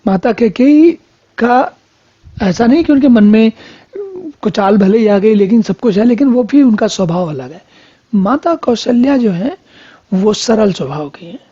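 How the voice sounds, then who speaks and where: A scripture teacher who chants verses slowly and then explains each one in plain conversational talk. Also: mid-range voice, animated, warm tone, breathy edge. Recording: dull lo-fi recording.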